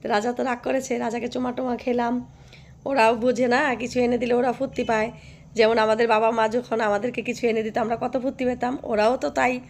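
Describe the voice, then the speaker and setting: A hoarse woman vlogging by a cowshed, chatting affectionately with her viewers and often asking if they follow. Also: fairly high pitch, flat delivery, brisk. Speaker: village life vlogger. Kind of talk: casual vlog chat to viewers.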